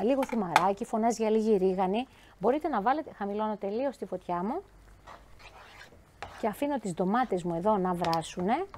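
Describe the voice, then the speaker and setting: A woman chef giving a cooking demonstration, talking lively and chatty, speaking straight to her viewers. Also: mid-range voice, a little hiss or hum.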